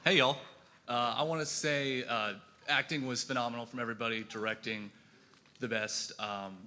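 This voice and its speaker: Guy in the crowd asking a question, bright punchy voice, eager and a bit nervous. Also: mid-range voice, steady tone, moderate pace, a little hiss or hum. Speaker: audience member asking a question. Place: festival theater audience.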